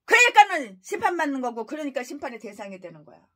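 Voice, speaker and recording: A woman pastor preaching with a very high, piercing voice. She scolds her listeners relentlessly and throws out crude insults and rhetorical questions. Her tone stays bright and forceful throughout. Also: very animated, fast. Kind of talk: expository sermon.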